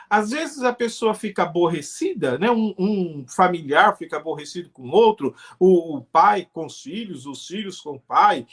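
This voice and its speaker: An older man from Brazil, a pastor, answering in an earnest, explanatory way during a live-streamed interview. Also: sits high.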